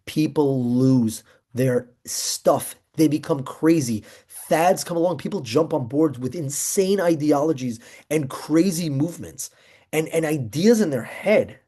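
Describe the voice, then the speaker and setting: A young man teaching an informal Torah class, emphatic and excitable, rambling between points. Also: on the high side, unhurried, husky.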